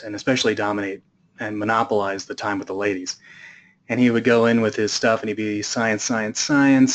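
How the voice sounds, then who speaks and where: A man presenting to an audience, spinning a funny story in a relaxed, chatty way. His voice sits a bit low, and he talks with loose "um"s and "uh"s along the way. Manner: casual and humorous, with fillers. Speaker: conference speaker.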